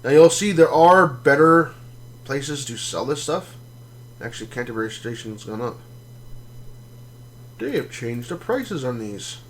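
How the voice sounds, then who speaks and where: A man's voice: medium pitch, a little slow, long pauses, a little hiss or hum. A man streaming a space game, explaining things casually with lots of ums and restarts. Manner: relaxed, rambling explanations with many fillers. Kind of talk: casual gameplay commentary.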